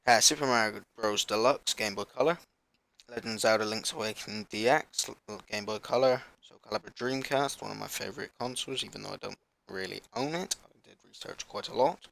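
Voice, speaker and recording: A man with a sore throat hosting a gaming channel, rambling and apologetic as he haltingly reads a list in a casual announcement vlog. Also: fairly low pitch, gravelly, fairly bright tone.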